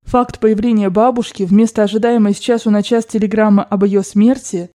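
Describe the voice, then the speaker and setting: Audiobook narrator: adult woman, soft dark timbre, steady literary reading. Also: medium pitch, brisk. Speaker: audiobook reader.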